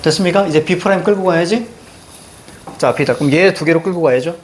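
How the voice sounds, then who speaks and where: A middle-aged man teaching a reading lesson, emphatic and constantly quizzing his students with quick check-in questions. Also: a little high, slight background noise.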